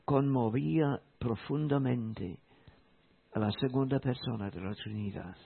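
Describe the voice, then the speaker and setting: A man preaching a sermon in a slow, emphatic way, repeating key phrases. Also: medium pitch, vocal fry, husky. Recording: tinny phone-like sound.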